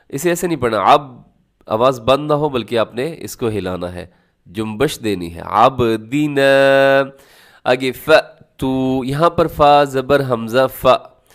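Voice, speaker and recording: A man teaches the rules of Quran recitation. He explains each point in a smooth, resonant voice, then stretches the example words out slowly and loudly. He often asks the class questions and then answers them himself. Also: mid-range voice. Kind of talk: tajweed lesson.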